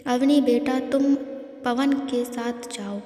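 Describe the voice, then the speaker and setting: A woman's voice: on the high side, fairly even intonation, slow, warm tone, soft background music. A woman voicing an insistent middle-aged mother who coaxes her daughter, in an echoey room. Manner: insistent, coaxing. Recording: echoey room with long reverb.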